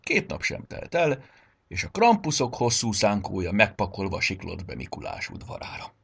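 A man narrating a children's story in an expressive way. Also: lowish voice, creaky, slightly rough. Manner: expressive, voices the characters.

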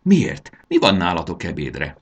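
A man's voice: on the low side, animated, lightly acted. A man voicing a lovesick, gluttonous male dragon who courts a girl, in a pleading, sheepish manner. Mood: alarmed.

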